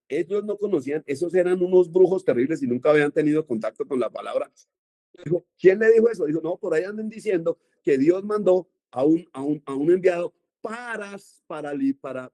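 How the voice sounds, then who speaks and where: A man's voice: fairly high pitch, warm tone. A man preaching a sermon as a pastor, emphatic and repetitive, with a Colombian Spanish accent and many restarts.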